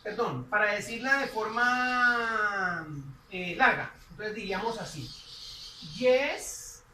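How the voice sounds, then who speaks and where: A woman teaching a grammar lesson, repeating each phrase slowly as she writes it out. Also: mid-range voice, bright, forceful tone, far from the mic, slight background noise. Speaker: English teacher. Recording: echoey room, voice from off-mic.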